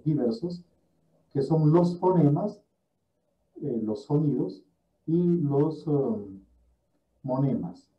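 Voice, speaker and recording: Man lecturing in a roomy, distant recording. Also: medium pitch. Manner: measured, explains step by step with examples. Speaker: friar lecturing in a virtual Bible study. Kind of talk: explanatory lecture. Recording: dull, roomy sound from away from the mic.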